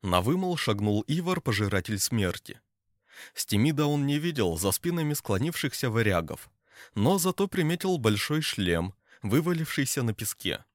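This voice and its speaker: A man narrating an audiobook with an expressive delivery. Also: medium pitch, moderate pace, dry recording, clean studio sound. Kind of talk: scripted narration.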